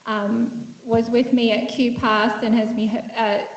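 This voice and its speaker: A woman's voice: on the high side, flat delivery, slow pace. A woman psychiatrist from Vietnam giving a conference talk, conversational and thoughtful, with many fillers and restarts. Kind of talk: conference presentation. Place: lecture room. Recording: echoey hall, dull lo-fi sound.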